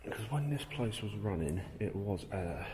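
A man's voice: fairly low pitch, expressive, moderate pace. A man vlogging as he walks through an abandoned print works, chatting casually to his friend and swearing freely. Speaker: urban explorer vlogger. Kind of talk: casual walk-and-talk narration. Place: large empty abandoned print works indoors. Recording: echoey warehouse with background noise.

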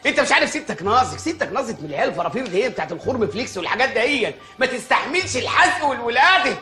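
An actor with an Egyptian accent playing a quick-tempered village mayor who rants and wisecracks in a comedy film. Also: male voice, extremely high pitch, big pitch swings, sharp tone, roomy sound, soft background music, exaggerated voice. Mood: anxious. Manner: ranting, exasperated, wisecracking.

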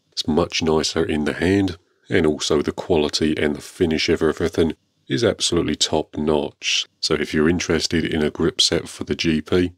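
A man with an exceptionally deep voice narrates a product showcase for his viewers. His delivery is measured, polite and understated. The sound is close and dry, with very little room. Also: a bit bright, no room sound. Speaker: YouTube airgun channel host.

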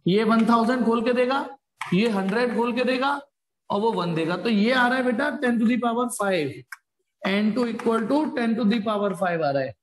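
A man's voice: very high-pitched, slight background noise. A man teaching a live online physics class in speech, chatty, calling students "beta" and throwing in slangy asides. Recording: echoey room with long reverb.

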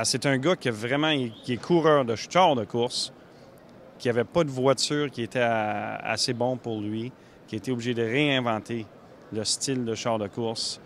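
A man in his thirties with a Québécois accent, talking earnestly about building cars, with some halting restarts. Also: medium pitch, fairly even intonation, a little hiss or hum. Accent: Québécois French. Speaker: car builder. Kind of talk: casual interview.

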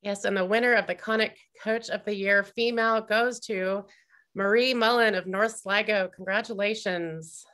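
A woman reads out award nominees over a video call. Her voice is bright and forceful. She takes each name carefully and trips on one or two. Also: mid-range voice, fairly even intonation, moderate pace. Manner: reads names carefully, stumbling on some. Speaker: award presenter.

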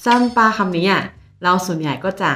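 Calm woman. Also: on the low side, a little fast, loud music behind the voice. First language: Chinese. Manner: calm, explanatory, answers in short words. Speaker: co-host teaching Chinese words. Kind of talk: casual chat.

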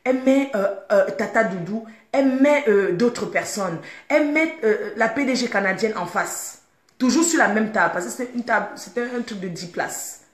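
A woman's voice: a little high, expressive, moderate pace. A woman who has just woken up, chatting casually and groggily to her viewers from her bedroom. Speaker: vlogger. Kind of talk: casual live video chat. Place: bedroom, indoors. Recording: echoey room.

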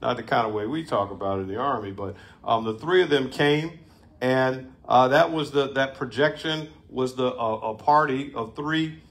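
A middle-aged man teaching a Bible lesson to a group, conversational, with restarts, lively emphasis and laughs. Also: medium pitch, normal speed.

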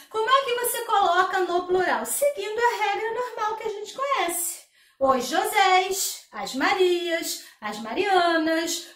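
High, lively woman teaching. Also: distant mic. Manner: explains step by step, asks the class rhetorical questions. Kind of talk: grammar lesson. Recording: echoey room, voice a bit off-mic.

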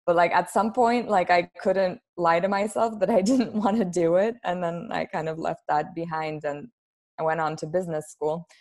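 A Polish woman in her thirties, an expert in human design, rambles informally as a guest in a casual podcast interview. Her fairly low, darkish voice keeps a fairly even intonation at a moderate pace. She's on a video call from a plain room at home.

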